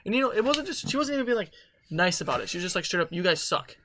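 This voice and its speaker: A man's voice: high voice, very animated, rapid-fire, noisy background. A young man hosting a casual podcast, telling work stories in a rambling way with laughs. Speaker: podcast host. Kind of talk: casual chat.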